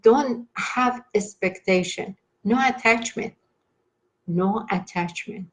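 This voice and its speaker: A woman leading a meditation class, giving slow, halting instructions with many pauses and fillers and repeating gentle reassurances. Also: medium pitch, rough recording. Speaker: meditation teacher.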